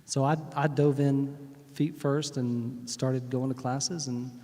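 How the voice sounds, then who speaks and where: A man from Texas telling personal stories on stage in conversation, animated and acting out the voices in his anecdotes. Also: mid-range voice, takes it slowly. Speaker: guest musician. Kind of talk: conversational storytelling. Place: synagogue sanctuary. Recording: echoey sanctuary with long reverb.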